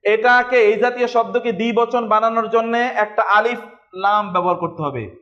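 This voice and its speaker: A man teaching Arabic grammar to a class, asking questions, repeating words slowly and prompting students to answer. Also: very high voice, a bit bright. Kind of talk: classroom lesson with call-and-response drilling. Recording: dull lo-fi recording.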